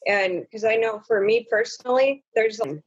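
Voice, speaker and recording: A woman's voice: fairly high pitch, normal speed, breathy edge, lo-fi sound. A young woman, a church group member, speaking hesitantly over a video call whose audio glitches, warbles and breaks up. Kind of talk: casual video-call discussion.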